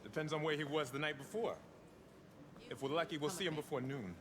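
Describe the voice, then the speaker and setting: A man's voice: a little high, brisk, lightly acted. A man voicing a dry, weary cop. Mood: wry. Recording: game audio with ambient noise.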